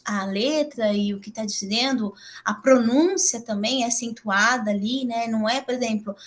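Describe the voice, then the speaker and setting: Brazilian woman teacher, middle-aged, fairly high voice, chatty and animated, leans on "né" between phrases. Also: moderate pace. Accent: Brazilian Portuguese. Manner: chatty, fills with frequent "né"; animated, laughs and jumps up in pitch. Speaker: English teacher presenting to fellow teachers. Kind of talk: teacher training talk.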